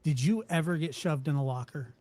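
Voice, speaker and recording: A man's voice: fairly high pitch, fairly quick, warm tone. A man co-hosting a casual call-in show, teasing his partner in a mock-serious way. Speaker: podcast co-host.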